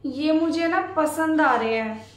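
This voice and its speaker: A woman's voice: high voice, unhurried, roomy sound. A woman playing a spoiled, greedy young sister-in-law in a family skit drama, demanding and whiny. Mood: smug. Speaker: husband's sister.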